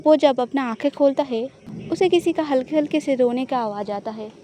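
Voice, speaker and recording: A woman narrating an audio love story in a steady, plain way. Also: high-pitched, normal speed, a little hiss or hum.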